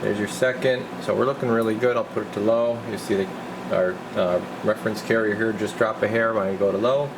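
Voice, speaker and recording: Over the constant loud hiss of a noisy workshop recording, a radio repair technician presents his bench work. He speaks a little fast in a fairly low voice, casually talking himself through each step of the hands-on demonstration.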